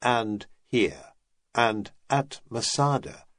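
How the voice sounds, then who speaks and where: A man's voice: medium pitch, drawn-out words, a bit bright, no room sound. A man doing a weary, blunt security agent.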